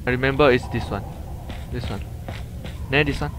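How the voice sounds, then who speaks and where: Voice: medium pitch, moderate pace. A gamer with a Malaysian accent chatting casually with a co-player, in colloquial English sprinkled with lah and Malay words. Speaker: gamer, host of gameplay video. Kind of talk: casual gameplay chat with a co-player. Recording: clear game noise behind. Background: video game ambience and sound effects.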